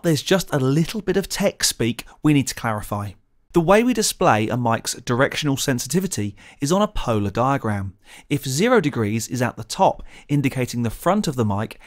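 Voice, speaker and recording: A man presenting a scripted audio tutorial, explaining clearly and methodically into a close studio condenser mic. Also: mid-range voice. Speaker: presenter of a gear channel.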